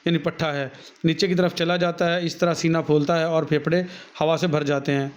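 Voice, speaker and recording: A male teacher with a Pakistani Urdu accent, reading from a textbook and then explaining each point to his students in his own words. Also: on the high side. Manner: reads a passage, then explains it warmly to students, calling them "beta". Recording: dull, lo-fi recording.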